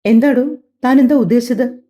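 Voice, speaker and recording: A woman's voice: fairly high pitch, a little fast, lightly acted. A woman voicing a stern young husband who talks in a curt, commanding way, in an audio drama recorded on slightly dull lo-fi audio. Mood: puzzled. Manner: curt, firm, scolding.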